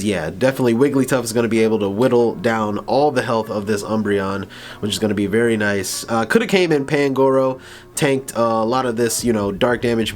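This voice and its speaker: A young man giving casual, rambling commentary over a video game battle, laughing and stumbling over his words now and then. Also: medium pitch. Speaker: gaming YouTuber.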